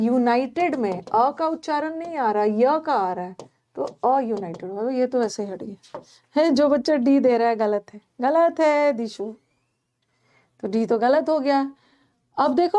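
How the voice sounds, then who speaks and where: High-voiced Indian woman teaching grammar slowly. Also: a little mellow. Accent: Indian English. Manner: explains step by step, mixing Hindi with English; repeats points and checks with the class. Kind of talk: online exam-prep lesson.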